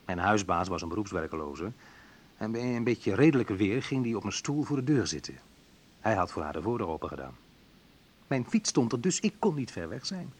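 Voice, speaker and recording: An actor voices a wry, sensitive young man in an intimate first-person radio play monologue, recalling his student love life with tense recollection. His lowish voice is husky and sing-song, a little fast.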